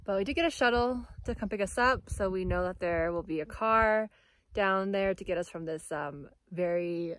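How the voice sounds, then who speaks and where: A woman's voice: mid-range voice, moderate pace, fairly bright tone, no echo, rough recording. A young woman vlogging a hike, talking easygoing into a phone held at arm's length. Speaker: hiking vlogger. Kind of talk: casual vlog chat. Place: outdoors on a mountain trail, later indoors.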